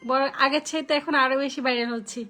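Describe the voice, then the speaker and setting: A woman's voice: high voice, steady tone, quick pace, sharp tone, soft background music. A young woman with a Noakhali Bengali accent, hosting a casual live stream and chatting through viewers' comments, thanking people by name. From Noakhali, Bangladesh.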